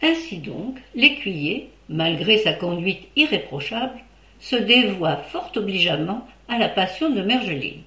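A woman narrating a classic novel in a steady storytelling voice of medium pitch. The room adds a noticeable echo around her reading. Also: a little slow. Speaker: audiobook reader. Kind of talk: scripted narration. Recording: roomy echo.

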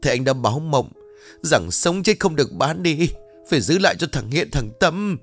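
A man's voice: medium pitch, very animated, moderate pace, faint music behind. A man voicing a frail, widowed old mother who begs her children, in her seventies or older. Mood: desperate. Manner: pleading, trembling.

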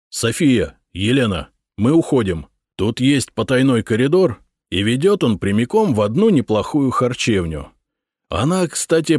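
A man's voice: medium pitch, darkish tone, no echo, studio quality, pitched above the performer's own voice. A man doing a wry, dignified court minister.

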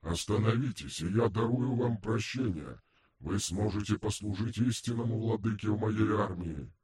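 A man voicing a hateful undead prophet of a dark heresy in a fantasy audiobook, slowly and imperiously proclaiming. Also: fairly low pitch, pitched below the performer's own voice, lightly acted. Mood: commanding, cold.

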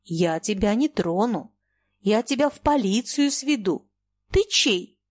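A woman's voice: mid-range voice, expressive, slow, no room sound. A woman voicing a small, thin old retired captain who talks in a stiffly formal, fussy way. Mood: stern.

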